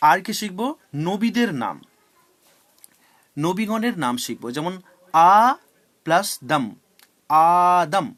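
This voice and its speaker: A man with a Bengali accent, teaching a class and spelling out Arabic words letter by letter in slow, deliberate drills. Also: high voice, fairly bright tone.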